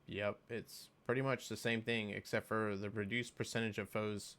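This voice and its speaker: A man giving casual reaction commentary on a game, reading skill text aloud and thinking out loud with fillers. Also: fairly low pitch, little pitch movement, normal speed. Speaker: game video creator.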